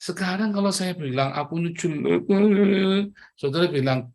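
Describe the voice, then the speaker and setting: Delivered at a moderate pace, this chatty sermon comes from a middle-aged Tegal man whose high voice is gravelly and a little mellow. Born in Tegal, Central Java, Indonesia, he speaks with a ngapak Tegal Javanese accent and frequently addresses the audience as brothers and sisters.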